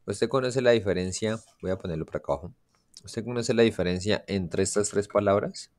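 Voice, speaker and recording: Low-voiced teacher checking in with students. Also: male voice, a little fast, darkish tone. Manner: asks students frequent checking questions. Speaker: English teacher. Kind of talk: classroom lesson.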